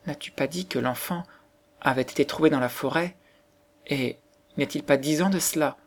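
A man voicing a grieving beggar mother who pleads softly and quietly. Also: on the high side, normal speed, pitched above the performer's own voice. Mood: urgent.

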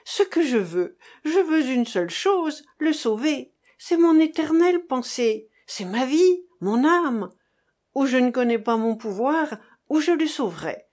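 A woman reading an audiobook, voicing an impassioned young woman who speaks in breathless, pleading outbursts. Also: mid-range voice.

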